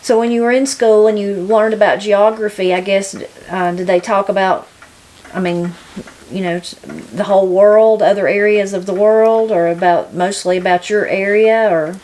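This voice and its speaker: A woman's voice: medium pitch, fairly even intonation, moderate pace, darkish tone, rough recording. A woman with a Southern Appalachian accent conducting a casual interview, asking informal questions and often murmuring short acknowledgements. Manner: informal, attentive backchannelling.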